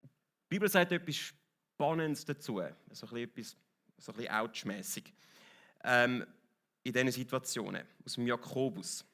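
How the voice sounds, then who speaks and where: A man's voice: medium pitch, normal speed, long pauses, a bit bright. A man with a Swiss German accent preaching a sermon as a pastor, in a conversational, lightly joking way that keeps checking in with his listeners. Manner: conversational, lightly joking, asks the audience "oder?". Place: church hall.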